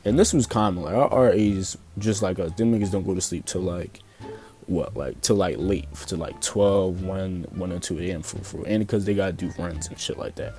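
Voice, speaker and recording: A man's voice: deep voice, moderate pace, a little mellow. A young man with a Philadelphia accent telling a story in a loose, profane, slang-heavy way, full of fillers and restarts. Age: young adult. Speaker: storyteller vlogger. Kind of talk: casual storytime.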